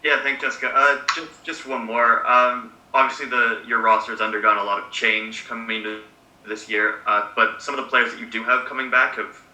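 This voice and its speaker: Reporter, male, on a choppy internet call that keeps cutting out; distant, roomy sound, bright and flat. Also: medium pitch, fairly quick. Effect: audio breaking up over a bad internet connection. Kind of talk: press conference question. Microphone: remote call.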